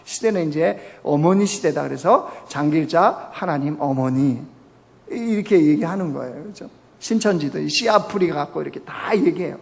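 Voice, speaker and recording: High-voiced pastor preaching in a reverberant hall. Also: male voice, animated, moderate pace, gravelly. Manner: asks the congregation rhetorical questions. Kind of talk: sermon. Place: church sanctuary. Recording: long reverb of a church hall.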